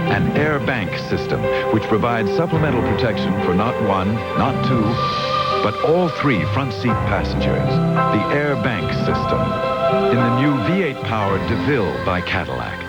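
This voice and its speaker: A man's voice: on the low side, sing-song, moderate pace. A man reading scripted narration for a car commercial as its announcer. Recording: loud music behind voice.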